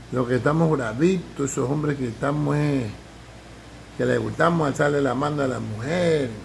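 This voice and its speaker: A man's voice: mid-range voice, creaky, a little hiss or hum, poor audio. A man speaking to the camera at home, giving joking, preachy advice and acting out the voices of the people he quotes. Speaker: vlogger. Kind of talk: casual advice monologue to camera.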